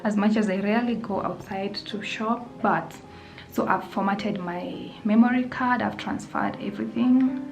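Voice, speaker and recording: A woman's voice: mid-range voice, normal speed, vocal fry, rough recording. A young woman vlogging casually, thinking aloud, nervous and often dropping to a whisper. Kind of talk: casual vlog narration.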